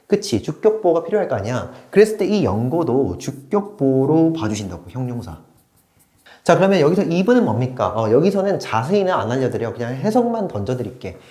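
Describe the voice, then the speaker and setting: Male grammar teacher at a whiteboard, animated and chatty, checking in with students; roomy sound. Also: mid-range voice. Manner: lively, switches between polite and casual speech, asks learners if they follow. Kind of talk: online grammar lecture.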